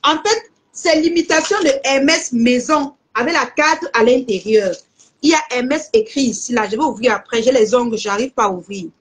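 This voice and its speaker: A young Cameroonian woman with a Cameroonian French accent, selling goods on a live stream and chatting warmly to her viewers. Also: high voice, moderate pace, husky. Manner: lively, addresses viewers as aunties. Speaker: live seller. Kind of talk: casual live-stream sales chat.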